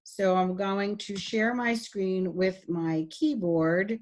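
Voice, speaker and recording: Slow, patient woman teaching a lecture. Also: medium pitch, steady tone, darkish tone. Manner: patient, demonstrates sounds slowly. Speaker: phonetics instructor. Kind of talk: recorded online lecture.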